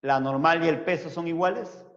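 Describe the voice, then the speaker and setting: Guy teaching physics, keeps asking right?, kinda high voice, roomy echo. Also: moderate pace. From Peru. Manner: explains step by step, asks rhetorical tag questions. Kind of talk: lecturing an online class. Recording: roomy, reverberant, dull lo-fi sound.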